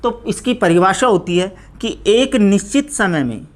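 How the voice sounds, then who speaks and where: Male teacher with a Rajasthani Hindi accent, running a live exam-prep class, answers his own questions and dictates slowly. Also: high voice, lively intonation. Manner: asks questions then answers them himself; repeats "दोस्तों" often. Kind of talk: live online grammar class.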